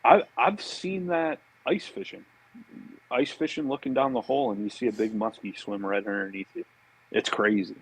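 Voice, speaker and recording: At a moderate pace and on the low side, an American fishing industry marketer's slightly rough voice carries a relaxed, informal podcast chat in which he keeps repeating agreement words. The recording has no echo but is low in quality.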